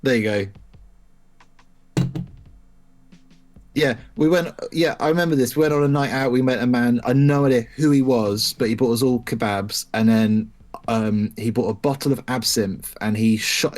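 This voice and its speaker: A man's voice: mid-range voice, unhurried. A young man from the UK, a podcast co-host, telling rambling, profane anecdotes in casual chat, with many restarts.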